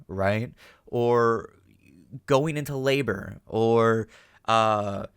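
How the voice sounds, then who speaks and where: As a reaction host, a man gives casual, rambling commentary on an audio drama, emphatic and swearing freely, often tacking on "right?" His medium-pitched voice is clear and resonant, recorded clean in a studio with no room sound.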